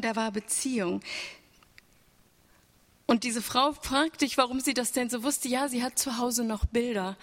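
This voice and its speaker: A woman preaching an Easter sermon, earnest, asking the congregation rhetorical questions. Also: a little high. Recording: long church reverb.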